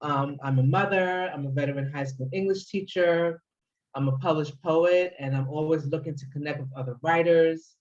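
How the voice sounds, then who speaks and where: A woman's voice: low-pitched, moderate pace, darkish tone, lo-fi sound. A woman from the Bronx, New York, a guest poet answering interview questions, thoughtful and a little hesitant.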